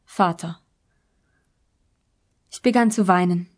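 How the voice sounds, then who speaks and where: A woman narrating a literary novel in the first person, in a measured, calm audiobook reading. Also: on the low side.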